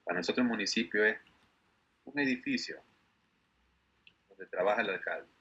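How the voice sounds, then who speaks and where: Male teacher, patient and explanatory, bright edgy tone on dull call audio. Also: on the low side, breathy edge. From Ecuador. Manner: patient, explanatory, repeats words slowly for students. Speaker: English teacher. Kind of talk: online class instruction.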